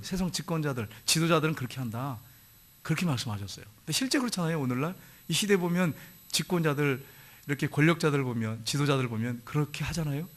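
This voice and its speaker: A man preaching a sermon to his congregation in church. He asks them questions directly and reads scripture slowly. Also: medium pitch. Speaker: pastor. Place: church sanctuary.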